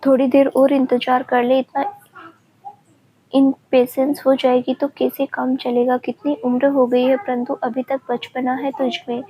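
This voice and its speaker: A woman voicing a gentle, worried older grandmother who soothes and mildly scolds her daughter. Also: sits high, level tone, unhurried, breathy edge. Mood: soothing. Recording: dull lo-fi recording.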